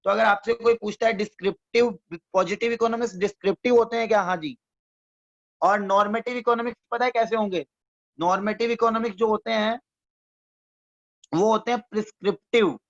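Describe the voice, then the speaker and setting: A man with a high, fairly bright voice, speaking a little fast, teaches economics in a classroom-style lecture. He explains by repetition, checks in with frequent questions, and fondly calls his listeners his students, in a dull, dry, lo-fi recording.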